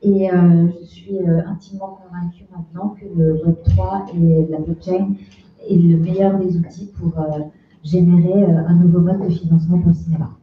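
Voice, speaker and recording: A woman's voice: fairly low pitch, steady tone, moderate pace. Female panelist, hesitant, unscripted; phone-like sound in an echoey room. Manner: hesitant, searching for words. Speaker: film producer on a panel. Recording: echoey, distant, tinny, faintly noisy.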